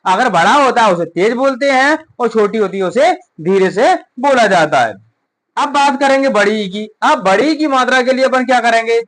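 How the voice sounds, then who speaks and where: A woman's voice: fairly high pitch, rough recording. A woman teacher, drilling children on vowel signs in a classroom and answering her own questions. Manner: drilling, asks questions and answers them herself. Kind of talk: children's Hindi phonics lesson. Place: coaching classroom.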